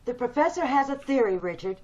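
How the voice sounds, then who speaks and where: In an old-time radio drama, a woman with a high, sing-song, slightly fast and darkish voice plays a wealthy, determined, bitter and ugly woman scheming to get a new body. She delivers the lines coldly, insistently and commandingly, over dull video-call audio.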